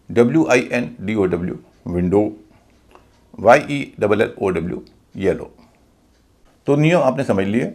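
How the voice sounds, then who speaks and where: A man with an Indian accent teaching English pronunciation in a video lesson, spelling out letters slowly before saying each word. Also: lowish voice, gravelly, darkish tone.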